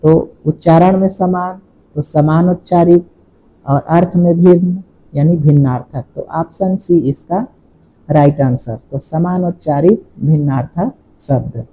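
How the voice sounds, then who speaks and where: A man's voice: a little high, measured pace, dull audio, slight background noise. A man teaching as an exam coaching teacher, working through multiple-choice questions step by step and repeating the key points. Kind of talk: exam question walkthrough lesson.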